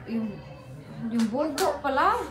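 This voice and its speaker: A woman's voice: high voice, expressive, slow pace, roomy sound, music in the background. A pregnant woman chatting in a casual vlog while out walking with her children, telling family stories in a mix of languages. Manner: chatty, storytelling, mixes languages. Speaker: vlogger mother.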